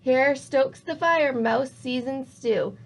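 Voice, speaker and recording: A woman reading a picture book aloud with a rhythmic, drawn-out delivery. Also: sits high, creaky, a little hiss or hum. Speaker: storybook reader.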